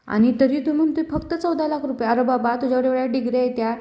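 A woman's voice: sits high, steady tone, fast talker, mellow, lightly acted. A woman voicing a stern middle-aged mother who firmly scolds her son, recorded in an echoey room. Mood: scolding. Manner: scolding, firm.

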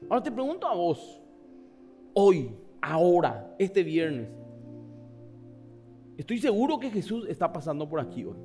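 Pastor, very high voice, fiery sermon swinging between shouts and hushed asides, faint music underneath. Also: male voice, very animated, a little slow, long pauses. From Paraguay. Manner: passionate preaching with sudden shouts and hushed asides; acts out voices of the people in the story.

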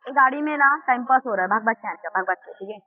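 A man, giving loud, excited commentary on his own gameplay as a channel host and calling out to his opponent. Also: very high voice, rapid-fire, no room sound, narrow, tinny audio. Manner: loud, exclamatory, bossing his opponent around.

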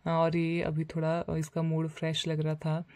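A young woman narrating her daily vlog as a voice-over, telling it in a relaxed way with frequent "uh" fillers. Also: low-pitched, a little slow, no echo. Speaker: vlogger.

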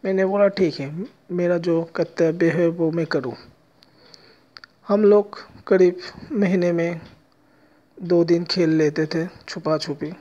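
A man telling a personal story with a moral in a slow, halting way, with many pauses. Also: on the high side, steady tone, warm tone. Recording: dull lo-fi recording.

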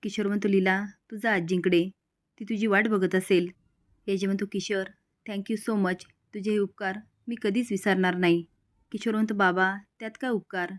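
A woman's voice: mid-range voice, steady tone, normal speed. A woman narrating a recap of a TV serial episode and reading out each character's quoted lines in turn.

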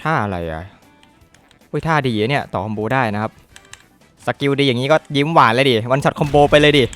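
A young man giving profane, excitable commentary over his own gameplay, swearing constantly and shouting at the game. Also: medium pitch, brisk, soft background music. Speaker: gaming YouTuber.

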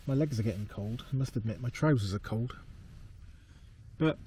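A man in his forties, a camping vlogger, talking to a handheld camera in a laid-back, low-key way in a field. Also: normal speed, mellow, a little hiss or hum. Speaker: outdoor vlogger. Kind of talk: casual solo camping vlog. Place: tarp shelter in a field at night, then walking outdoors. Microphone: handheld camera close up.

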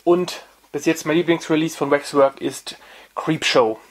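A man's voice: on the high side, fairly even intonation, a little slow. A young man hosting a casual record review, talking off camera with many fillers and restarts. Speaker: vinyl review channel host.

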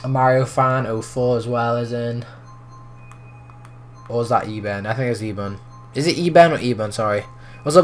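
A teenage boy streaming a racing game and chatting with viewers, his breaking voice cracking as he goes. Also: mid-range voice. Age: teens. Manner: excitable, chatty, prone to voice cracks. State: voice breaking with puberty. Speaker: gaming streamer. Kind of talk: live gameplay commentary.

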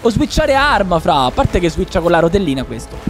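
A young man with a sore throat, teasing a friend in excitable gaming commentary. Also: high-pitched, a little fast, faint music behind. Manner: teasing, excitable, shouts at gameplay. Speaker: streamer host.

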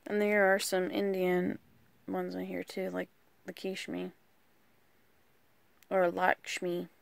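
A woman casually walking through a deck of oracle cards, rambling and hesitant with lots of pauses. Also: on the low side, level tone, creaky. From rural United States. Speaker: vlogger. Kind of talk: casual card walkthrough.

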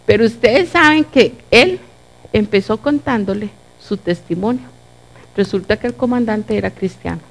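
A middle-aged woman with a Costa Rican accent tells a personal story at church. She is an animated storyteller who acts out each voice as she goes. Her pitch sits in the middle of the usual range. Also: normal speed. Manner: animated storyteller acting out dialogue. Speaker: church speaker. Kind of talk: testimony in a church talk.

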